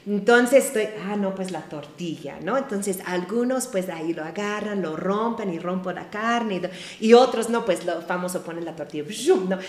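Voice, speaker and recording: A woman's voice: medium pitch, moderate pace, few pauses, echoey room. Chatty missionary woman from Michigan. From Michigan, United States. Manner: chatty, tags sentences with a questioning "no?". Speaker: missionary guest. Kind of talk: conversational storytelling.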